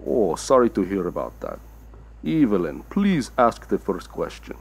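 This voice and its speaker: A man's voice: low voice, wildly swooping pitch, moderate pace, gravelly, breathy edge, full character voice. A man voicing a campy Dracula who hosts a dating game show in a comedy animation, flirty, teasing and full of puns. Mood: unimpressed. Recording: noisy, with crowd sounds behind.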